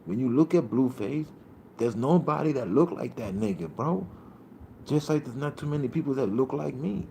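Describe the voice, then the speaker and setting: A man in his thirties from Puerto Rico hosting a casual livestream, rambling in streetwise slang and shouting out viewers by name. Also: medium pitch, lively intonation, normal speed, gravelly, slight background noise. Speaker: livestream host.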